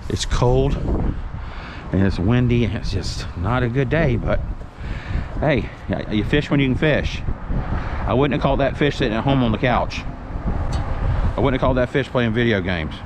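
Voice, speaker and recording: A middle-aged man, narrating his fishing trip to an action camera in excited, folksy commentary. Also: mid-range voice, a little slow, long pauses. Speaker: fishing vlogger. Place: outdoors on a windy waterfront. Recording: outdoor wind and boat noise. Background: wind and water ambience.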